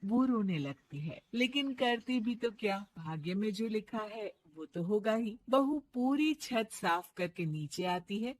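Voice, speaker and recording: A woman narrating a cartoon story in a slow, lowered storytelling tone.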